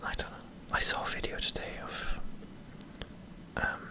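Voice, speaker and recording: An Irish man in a hesitant, self-deprecating ASMR ramble, speaking in a breathy whisper close to the microphone. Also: normal speed. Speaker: ASMR video creator. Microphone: close microphone in front of a camera.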